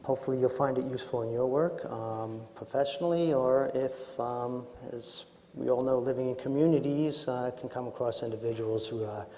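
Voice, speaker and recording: A man with a Queens, New York accent gives an informal conference lecture as a doctor, in a hesitant, halting, self-deprecating way. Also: mid-range voice, steady tone, dark tone. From Queens, New York, United States. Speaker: doctor presenting at a medical training. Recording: echoey hall with long reverb.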